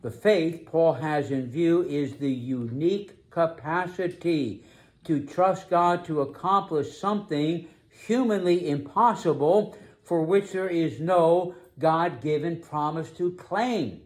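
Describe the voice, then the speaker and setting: A man preaching a sermon as pastor, emphatic, slowing down to stress key phrases. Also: a little high.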